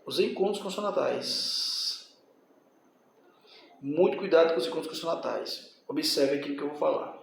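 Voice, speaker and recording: A man's voice: on the high side, fairly even intonation, quick pace, vocal fry, few pauses, very echoey, a little hiss or hum. A man teaching a grammar lesson, explaining step by step and checking in with his students. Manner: explains step by step, often asks "tá?" and "certo?".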